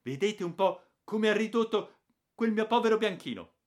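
A man voicing a shrill, spiteful elderly aunt who scolds a boy in an audiobook. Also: lively intonation, normal speed, darkish tone. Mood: scolding. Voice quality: shrill, trembling with anger.

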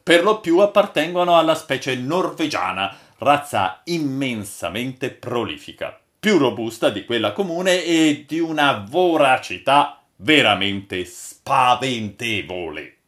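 A man voicing a gruff old ship's boatswain who spins yarns, booming and mock-stern, in an audiobook. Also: very animated, a little slow, few pauses, fairly bright tone. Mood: storytelling. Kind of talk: audiobook character voice.

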